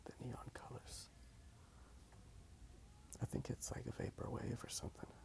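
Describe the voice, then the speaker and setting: In a quiet, whispery ASMR manner, a man narrates his drawing outside in a park, slowly musing, circling back over the same phrases, and asking the listener questions. It's soft-spoken rambling from the host of an ASMR drawing video.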